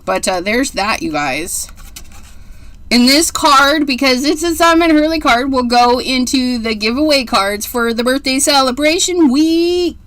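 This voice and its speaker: With a lively, high-pitched, slightly bright voice and a somewhat slow delivery, a woman in her forties makes cards on a casual livestream. She rambles chattily and gushes over how cute everything is.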